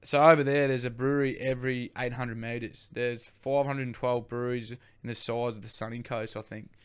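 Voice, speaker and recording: A young Australian man tells a long, casual story, rambling and dropping the odd swear word. His voice comes through smooth and clear at an ordinary middle pitch. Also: level tone, fairly quick. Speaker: brewery co-founder guest.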